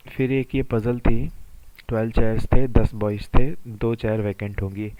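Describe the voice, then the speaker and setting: A young man with a cold, his voice gone hoarse, chatting casually as he reviews his mock test results and keeps adding tag questions. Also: mid-range voice, flat delivery, measured pace, dark tone, no echo. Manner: chatty, often adds "है ना". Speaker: exam aspirant channel host. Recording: dull lo-fi recording.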